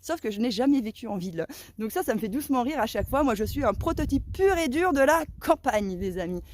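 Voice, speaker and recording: A woman's voice: a little high, expressive, fast talker, darkish tone, no echo. A woman from Lorraine, France, in her thirties, talking to her viewers in an indignant, emphatic, chatty monologue. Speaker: vlogger.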